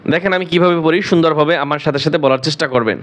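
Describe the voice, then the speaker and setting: A man teaching Quran recitation. He explains the rules briskly and spells words out letter by letter. He chants the verses slowly, drawing out the sounds. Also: a little high, a bit bright.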